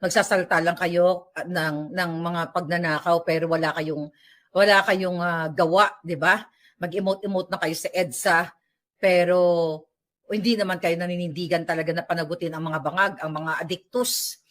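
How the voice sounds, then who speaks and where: A woman's voice: on the low side, steady tone, moderate pace, a bit bright. A woman giving casual, sarcastic vlog commentary at home, ranting animatedly and mixing in English. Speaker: political vlogger. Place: at home while tidying up.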